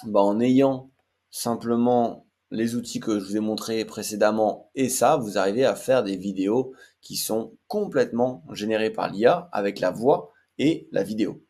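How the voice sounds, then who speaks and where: A man's voice: fairly low pitch, normal speed, mellow. A man hosting a casual screen-share tutorial, chatty and hesitant with frequent fillers. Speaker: tech tutorial host.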